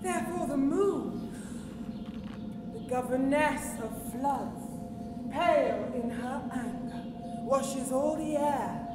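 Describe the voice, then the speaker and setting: A woman's voice: high voice, slow, long pauses. An actress playing a proud, scornful fairy queen, declaiming in hammy Shakespearean stage style. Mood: grave. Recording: echoey hall recording, clear noise.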